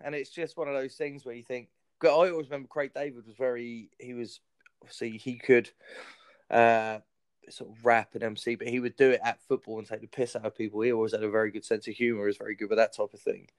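A podcast host with a medium-pitched, fairly flat voice talks quickly in a casual, easygoing chat, sharing anecdotes and laughing along. The recording is dry.

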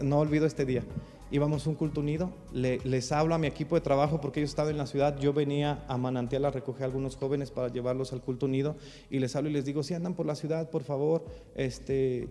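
A pastor with a Mexican accent tells a story in an animated way. He acts out the dialogue and fills his speech with fillers. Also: medium pitch, rapid-fire, in a large hall, soft background music. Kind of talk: storytelling testimony.

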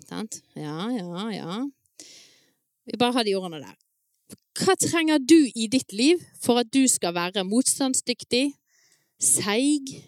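A woman speaking to parents at an evening event, telling stories in a lively, chatty way with frequent laughs. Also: a little high, no echo, studio quality. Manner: many fillers and restarts, asks the audience "sant?". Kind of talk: live talk to an audience.

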